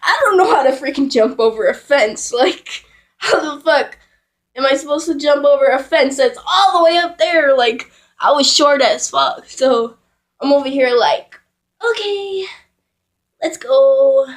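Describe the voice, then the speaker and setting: A woman's voice: high-pitched, normal speed. A young woman vlogger telling a rambling story in a casual, profanity-heavy way, with laughing asides.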